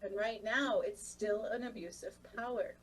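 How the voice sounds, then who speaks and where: A woman leading a guided spiritual channeling session, speaking in short, solemn, halting phrases. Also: mid-range voice, breathy edge. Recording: distant microphone, constant background noise.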